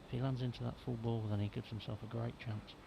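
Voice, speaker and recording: A man's voice: medium pitch, level tone, fast talker, vocal fry, noisy background. A man giving conversational, slightly hesitant snooker analysis as a co-commentator. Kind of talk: informal live snooker analysis.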